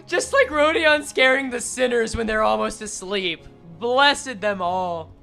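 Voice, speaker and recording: A woman streamer commenting excitedly on a game, swearing freely and bursting into loud exclamations. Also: on the high side, measured pace, vocal fry. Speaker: streamer reading and reacting to a game. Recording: game music behind the voice.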